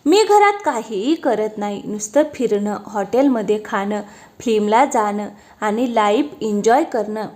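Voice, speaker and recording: A woman's voice: medium pitch, expressive, measured pace, a little mellow, lightly acted. A woman voicing a proud, boastful young wife who brags about her wealth. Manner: haughty, bragging.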